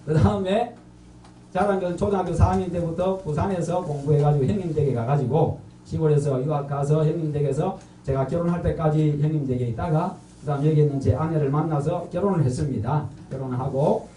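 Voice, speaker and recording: A man's voice: a little high, fairly even intonation, a little fast, mellow, slight background noise. A middle-aged man with a Gyeongsang accent preaching an evangelistic sermon, quizzing the congregation and repeating their answers. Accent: Gyeongsang Korean. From North Gyeongsang, Korea. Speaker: pastor. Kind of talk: evangelistic sermon with call-and-response. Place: large church sanctuary. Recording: echoey and distant from the mic.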